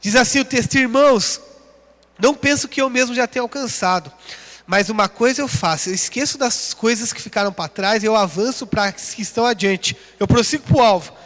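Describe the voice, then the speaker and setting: Man preaching a sermon, Brazilian Portuguese accent, high voice, emphatic rising delivery, long church hall reverb. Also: fairly quick, fairly bright tone. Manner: rising emphatic call-and-response preaching, reading scripture references. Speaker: pastor.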